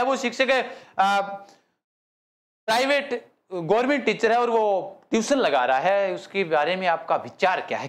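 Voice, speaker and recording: A man's voice: high-pitched, a bit bright. A man teaching a live online quiz class, praising students by name and joking in dialect. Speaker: exam-prep teacher.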